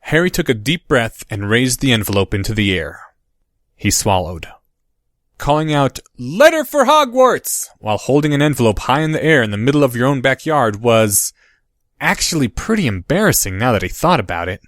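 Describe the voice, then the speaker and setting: A man reading audiobook narration in a steady, measured way. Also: medium pitch, dry recording.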